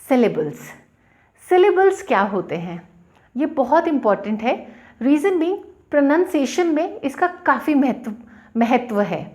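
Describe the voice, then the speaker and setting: A woman teaching English in a slow, deliberate way, stopping to spell out letters and break words into syllables. Her first language is Hindi, and her voice sits high and swings widely in pitch. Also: darkish tone. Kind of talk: bilingual classroom explanation.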